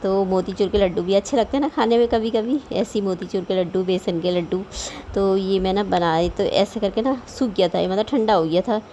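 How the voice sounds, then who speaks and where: A woman's voice: mid-range voice, a little fast, warm tone, slight background noise. A woman in her thirties chatting at home about her day and her cooking, rambling and homely. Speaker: vlogger. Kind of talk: casual voice-over cooking vlog.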